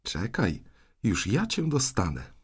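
A man voicing a scolding but soft-hearted elderly aunt in an audiobook, exclaiming and fretting. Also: lowish voice, wildly swooping pitch, takes it slowly, slightly rough, heavily acted. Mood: calling out.

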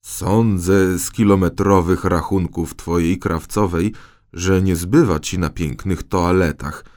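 A man voicing a pompous, henpecked middle-aged king in an audiobook fairy tale, speaking in a deep, blustering tone. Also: a little mellow.

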